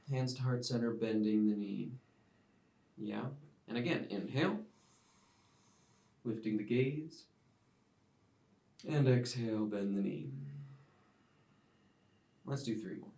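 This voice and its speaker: A man teaching a yoga class, giving calm step-by-step cues timed to the breath. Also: medium pitch, unhurried, long pauses. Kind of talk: guided yoga class instruction. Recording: roomy sound, mic at a distance.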